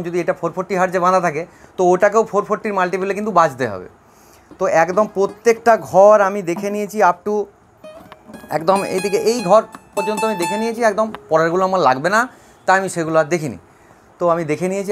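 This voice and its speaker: A man from Bankura district in West Bengal, rambling chattily with many fillers as he reviews a new instrument he owns. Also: fairly high pitch. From Bankura district, West Bengal, India. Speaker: instrument owner giving a review. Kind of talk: casual spoken review.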